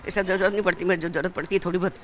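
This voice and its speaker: A woman's voice: on the low side, fairly even intonation, racing, a bit bright, a little hiss or hum. An older woman from Madhya Pradesh, an old-age home resident, answering an interviewer in a rambling way full of family and money details. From Dhar district, Madhya Pradesh.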